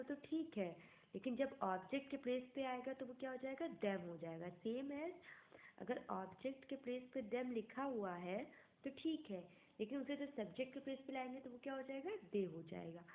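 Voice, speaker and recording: Woman teaching grammar, tinny echoey sound. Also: high-pitched. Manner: explains patiently, asks checking questions, reads English examples slowly. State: slightly sore throat. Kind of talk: classroom grammar lesson.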